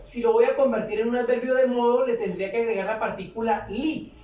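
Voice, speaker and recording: A woman teaching a lesson, explaining step by step and repeating each example slowly and deliberately. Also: on the high side, fairly even intonation, warm tone, faint music behind. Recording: roomy echo, distant from the mic, faint background hum.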